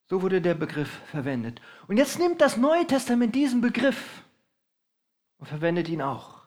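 Man, high voice, preaching, sermon, asks listeners questions. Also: huge pitch swings, moderate pace, darkish tone. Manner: asks the congregation questions and acts out heralds' announcements.

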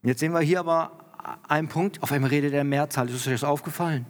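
A male pastor delivers a sermon to his congregation, earnest and explanatory, rising with emphasis when he reads scripture. His voice sits a touch high for a man. The sound carries a long reverb from a church hall. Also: fast.

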